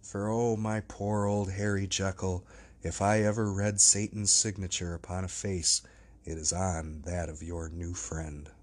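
A man's voice: sits low, level tone, a little slow. A man voicing a perplexed, earnest older lawyer in a storybook reading, speaking in a raised, emphatic voice. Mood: troubled.

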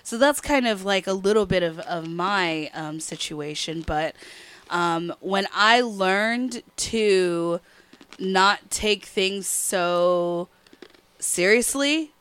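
A woman's voice: medium pitch, lively intonation, takes it slowly, a bit bright, smooth, dry recording. A woman in casual podcast chat, talking openly and reflectively and laughing often.

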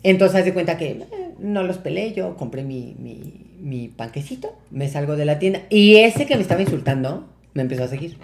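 Young mexican guy on a podcast, telling a story all animated, doing everyone's voices, cussing a lot, echoey room. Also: on the high side, brisk, vocal fry, few pauses, slight background noise. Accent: Mexican Spanish. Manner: animated, acts out quoted voices, swears freely. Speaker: podcast guest. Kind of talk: casual storytelling. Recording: roomy echo.

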